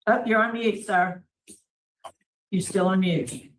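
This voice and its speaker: A woman's voice: medium pitch, steady tone, slow. A woman leading a formal parole hearing over a video call, polite and procedural, calling people sir. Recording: roomy, distant from the mic.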